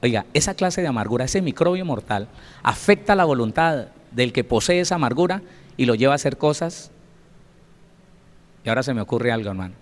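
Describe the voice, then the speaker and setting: A man's voice: medium pitch, expressive, fairly quick. A male pastor teaching a Bible study, telling stories with emphasis and addressing listeners directly. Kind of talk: sermon-style Bible study. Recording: long hall reverb.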